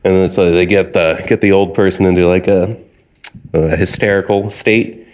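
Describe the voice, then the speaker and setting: A man co-hosting a podcast, telling a rambling, animated story in casual chat. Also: low-pitched, moderate pace. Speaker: podcast co-host.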